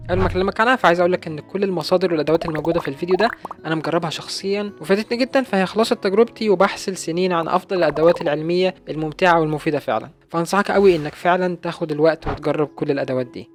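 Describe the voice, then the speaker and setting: A young adult man with an Egyptian Arabic accent, earnestly recommending learning resources in a casual advice video. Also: a little high. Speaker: language-learning YouTuber.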